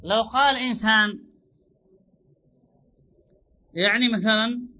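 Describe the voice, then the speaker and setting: A male teacher lecturing on grammar with a very high, bright voice. He stretches out example words, repeats himself and keeps posing rhetorical questions to the class. The recording sounds dull and lo-fi. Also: steady tone. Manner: draws out example words slowly.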